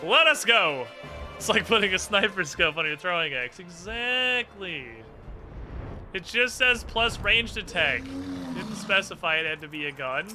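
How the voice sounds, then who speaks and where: A man streams a game, narrating casually in a mock-dramatic, sarcastic style laced with profanity. His high, expressive voice keeps a measured pace, and game music runs underneath.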